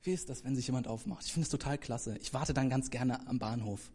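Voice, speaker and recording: A man delivering a sermon, speaking straight to his congregation. His voice sits in a middle pitch. He pushes some phrases up with strong emphasis and lets others sink quiet and gentle. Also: brisk, breathy edge. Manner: addresses congregation directly, swells for emphasis then drops soft. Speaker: preacher.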